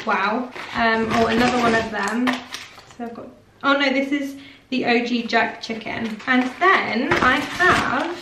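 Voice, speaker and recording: A woman in her twenties chatting enthusiastically to camera in a lifestyle vlog, full of likes and literallys. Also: a little high. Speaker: lifestyle vlogger. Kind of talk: casual vlog chat to camera. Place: home and shops, indoors. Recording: roomy sound, distant mic, clear background noise.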